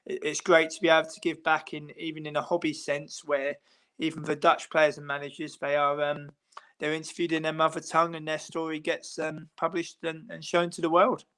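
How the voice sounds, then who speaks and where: In a relaxed live-stream chat, this English football interviewer gives long, wandering answers riddled with fillers and restarts. He speaks briskly in a monotone, his fairly high voice a bit bright, clear and resonant.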